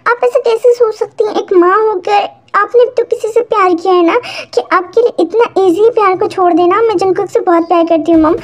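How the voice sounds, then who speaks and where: A devoted young wife, as a woman reads her, pleads with feeling in a very high voice. The telling is emotional and insistent, a home-made storybook scene. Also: fairly quick, hardly any pauses. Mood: pleading.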